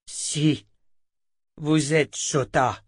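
A man's voice: a little high, fairly even intonation, drawn-out words, husky, dry recording, clean studio sound, full character voice. Young hero swordsman, defiant, tense, read by a male narrator. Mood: firm.

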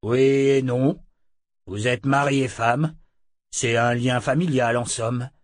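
Morose giant coachman, gruff and grumbling, exasperated, loud, read by a man. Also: medium pitch, fairly even intonation, takes it slowly, no room sound, studio quality, close to an everyday voice. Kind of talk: audiobook character voice.

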